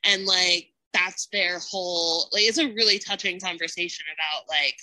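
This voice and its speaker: On a podcast panel, a woman chats casually about a TV show, effusive and rambling, dropping "like" into nearly every sentence. Her voice is on the low side, pushed and bright, at a moderate pace, and the recording is rough.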